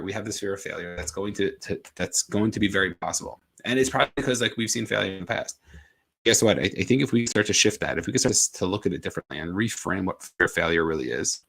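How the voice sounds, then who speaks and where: A man's voice: low voice, gravelly, fairly bright tone. A man giving a casual motivational talk, rambling a little with restarts and filler words. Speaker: motivational speaker.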